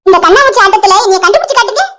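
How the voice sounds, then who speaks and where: A woman's voice: extremely high pitch, rapid-fire, background noise. A woman voicing a cheeky, stubborn old village grandmother in a cartoon, with a Tirunelveli Tamil accent. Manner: teasing, stubborn, chatty.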